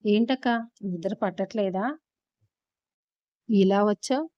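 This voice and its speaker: A woman's voice: mid-range voice, takes it slowly, no room sound, lightly acted. A woman storyteller voicing a startled younger brother who protests earnestly, on a dull lo-fi recording.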